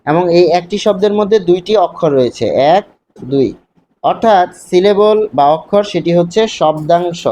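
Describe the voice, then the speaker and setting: This mellow male voice sits high as he gives a literature lecture to a class in Bangladeshi Bengali. Working through the material step by step, he asks rhetorical questions along the way. Faint hiss runs under the dull, lo-fi audio.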